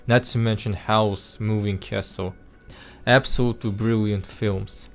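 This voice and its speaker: A man with a fairly low, steady voice speaks unhurriedly over faint background music. English is not his first language, and listeners have heard a Russian-sounding accent as he earnestly works through a casual spoken film review, often restarting and using filler words.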